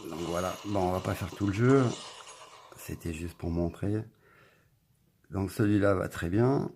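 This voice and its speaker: A man casually reviewing a budget phone at home, talking in a relaxed, rambling way with lots of fillers. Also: low-pitched, unhurried, slight background noise. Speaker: tech reviewer.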